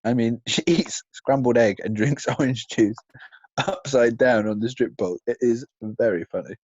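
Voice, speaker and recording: A man's voice: medium pitch, normal speed, darkish tone, breathy edge, no room sound, highs cut off. A man co-hosting a casual film review chat, dry and teasing in a sardonic way. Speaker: podcast co-host.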